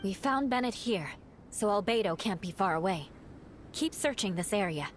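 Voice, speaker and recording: A woman's voice: mid-range voice, lively intonation, normal speed, slight background noise, lightly acted. A woman voicing a composed female adventurer who takes charge of the group in a video game. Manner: composed and commanding. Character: calm, level-headed female adventurer who leads the group. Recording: game cutscene with music score. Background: game music.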